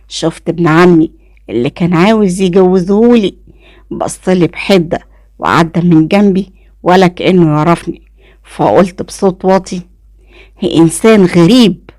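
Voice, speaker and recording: A woman's voice: lowish voice, a little mellow, no room sound, studio quality. A woman with an Egyptian accent narrating a first-person story for her channel.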